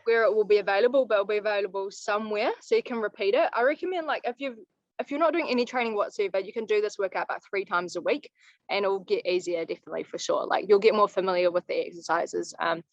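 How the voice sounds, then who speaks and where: A woman's voice: mid-range voice, quick pace, no echo. Young New woman, laid-back coach fielding questions, muffled dry call audio. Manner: practical, easygoing advice-giving. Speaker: climbing coach. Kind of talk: live online coaching Q&A. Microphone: video call.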